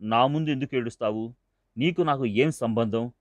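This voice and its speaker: A man reading the part of a calm older male sage who speaks in a measured, mildly scolding way, in a dull, dry recording. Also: medium pitch, no echo, close to an everyday voice.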